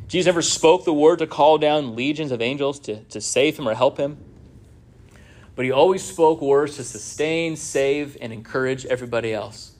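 A man's voice: fairly high pitch, normal speed, a little mellow. A man preaching a sermon in a church, conversational, with many rhetorical asides to the congregation. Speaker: pastor.

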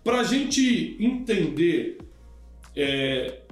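A man's voice: high voice, sing-song, very slow, recorded from a distance, faint music behind. A man hosting a podcast conversation, talking reflectively and asking his guest questions. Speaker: podcast host. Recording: very echoey room, off-mic.

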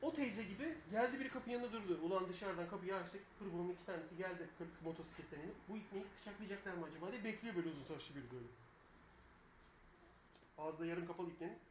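A man's voice: high-pitched, fast talker, reverberant, a little hiss or hum. A man co-hosting a live radio show, telling long rambling stories and swearing freely. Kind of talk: casual live radio banter.

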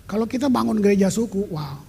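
A man's voice: high voice, animated, fast, creaky, a little mellow, slightly rough. A middle-aged man preaching a sermon as pastor, talking emphatically and conversationally and dropping in English phrases. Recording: long reverb of a large hall.

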